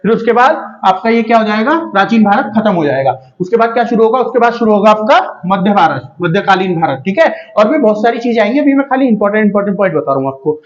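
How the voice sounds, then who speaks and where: A man's voice: high voice, lively intonation, fast talker, hardly any pauses. A man teaching a casual history lesson for exam students, asking himself questions and answering them, checking in with listeners often. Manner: rhetorical questions answered himself, frequent checks like "theek hai". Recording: dull lo-fi recording.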